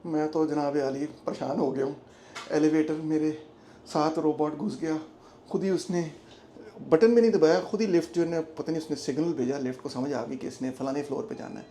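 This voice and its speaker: A man's voice: on the high side, fairly even intonation, normal speed, dark tone, a little hiss or hum. A man talking casually to his camera as he narrates a travel vlog and explains things to viewers. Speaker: vlogger and political commentator.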